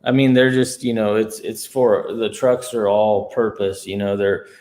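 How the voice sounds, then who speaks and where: A man hosting a casual livestream chat from his new home, relaxed and rambling, with lots of fillers. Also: fairly low pitch, unhurried. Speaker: livestream host.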